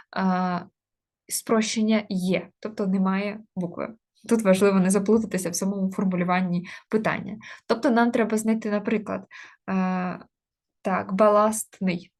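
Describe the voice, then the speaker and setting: A woman's voice: mid-range voice, steady tone, moderate pace. A woman teaching an exam-prep grammar lesson, explaining step by step with frequent hesitations. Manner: explains step by step with many fillers.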